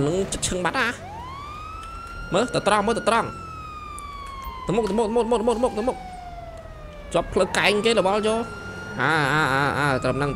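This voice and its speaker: A young man narrating his gameplay in a high, very fast voice, barking quick directions with excitable energy. Police sirens wail clearly behind him. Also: noisy background. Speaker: gameplay streamer. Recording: voice over loud game sirens. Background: police sirens from the game.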